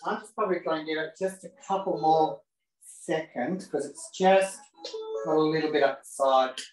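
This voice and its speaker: This man's voice sits on the high side, with a steady tone and normal speed, and faint music can be heard behind him. He's hosting a casual live cooking demonstration at home, camp and chatty with cheeky comments, recorded on a self-set camera in an echoing kitchen.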